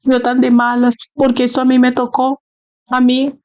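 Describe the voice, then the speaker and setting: A whiny, self-pitying believer, as a woman preacher puts her on, pleading in a thin, high, plaintive voice. She complains with a sulky, drawn-out whine. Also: monotone, a little mellow, clear, resonant tone, muffled recording, natural voice. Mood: whining.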